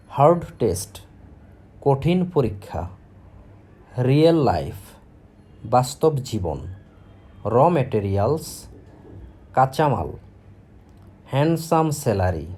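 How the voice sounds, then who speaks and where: A man teaching vocabulary, reading each phrase aloud and often repeating it as a slow drill. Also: medium pitch, mellow. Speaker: English teacher.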